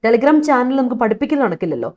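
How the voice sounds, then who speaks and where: Teaching vocabulary live online, a woman from Kerala answers her students with frequent laughter, reads their chat aloud, and mixes English words into her explanations. She's very animated and fast, with a voice on the high side and a darkish tone. The audio sounds dull.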